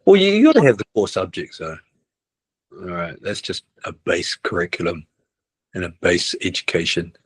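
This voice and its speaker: Rambling through a casual interview, this middle-aged New Zealand basketball coach keeps restarting and tacks "right?" onto his sentences. His low, husky voice swoops wildly in pitch at a moderate pace, with no room sound in the recording.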